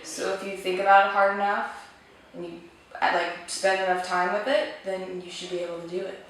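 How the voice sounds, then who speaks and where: A woman's voice: mid-range voice, level tone, brisk, a bit bright, a little hiss or hum. A young female art student musing casually in an interview. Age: young adult. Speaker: fine arts student interviewee. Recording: very echoey room from a distance.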